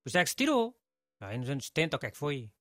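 A know-it-all portuguese host, offhand and teasing, voice swoops around a lot. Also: male voice, on the high side, very animated, rapid-fire, a bit bright, no echo, clean studio sound. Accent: European Portuguese. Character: know-it-all male host, blunt and dismissive. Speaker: show host. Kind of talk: comic scripted banter.

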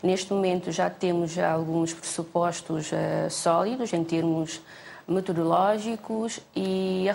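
Gravelly low woman, measured and hesitant. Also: darkish tone, slight background noise. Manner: measured, hesitant, many fillers. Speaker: statistics institute representative. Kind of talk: TV studio interview.

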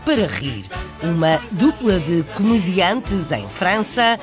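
A woman's voice: on the low side, big pitch swings, slow pace, over music. A woman presenting a news magazine with scripted narration.

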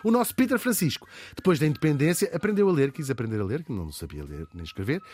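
A man with a European Portuguese accent telling history casually in conversation, in an animated, colloquial way, repeating words for emphasis. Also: fairly high pitch, fast talker, slightly rough. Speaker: storytelling host.

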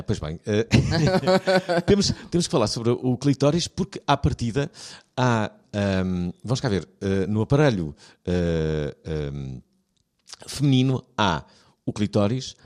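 A man's voice: fairly low pitch, expressive, a little slow. A man hosting an interview, speaking European Portuguese, hesitant with many fillers and a teasing manner. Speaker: interviewer host. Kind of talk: casual interview chat.

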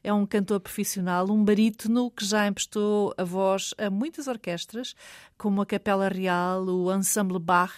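A woman's voice: medium pitch, fairly even intonation, normal speed, no echo, studio quality. A woman with a European Portuguese accent, hosting a radio interview as a composed presenter. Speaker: radio host.

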